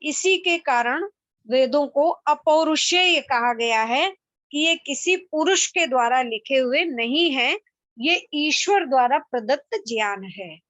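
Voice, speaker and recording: A woman delivers a religious discourse, her voice high and bright. She explains slowly and deliberately, driving points home through repetition. The sound is dry and close. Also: no room sound. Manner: slow, emphatic explanation with repeated examples. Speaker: Vedic religious speaker.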